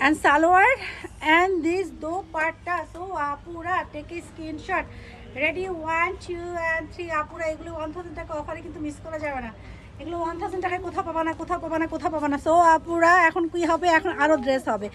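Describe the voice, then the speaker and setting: A young woman selling clothes on a live stream, pitching each dress with pushy repetition and English words mixed in. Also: fairly even intonation, fairly quick, fairly bright tone, a little hiss or hum. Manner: repeats phrases, pushy upbeat selling, mixes English words. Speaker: online clothing seller.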